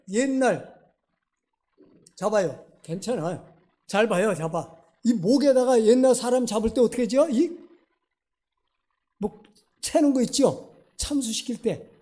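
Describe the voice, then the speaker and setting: A male pastor preaching a sermon in church, in a conversational, animated style that keeps asking the congregation questions. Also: very high voice.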